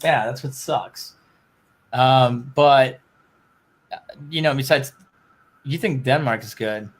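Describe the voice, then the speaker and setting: A man's voice: mid-range voice, takes it slowly. A man co-hosting a show in casual chat, rambling and opinionated, with loose, sweary phrasing. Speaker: show co-host.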